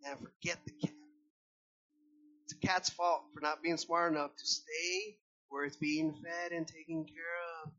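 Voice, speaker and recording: A man's voice: fairly high pitch, measured pace, highs cut off. A man preaching a sermon to his congregation, addressing them as brothers and sisters and acting out voices as he speaks. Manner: animated, acts out voices of people and animals. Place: church service.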